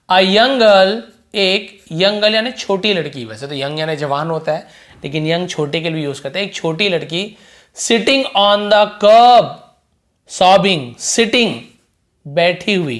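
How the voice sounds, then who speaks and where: A man teaching English, reading each phrase of a story slowly and loudly, then explaining it in quieter Hindi. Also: fairly high pitch. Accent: Indian English.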